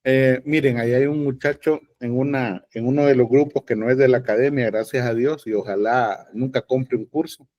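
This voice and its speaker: A man's voice: medium pitch, fairly even intonation, normal speed, hardly any pauses, darkish tone, no room sound. A man with a Salvadoran accent teaching podcast acting in an online class, blunt and joking with emphatic advice. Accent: Salvadoran Spanish. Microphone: video call.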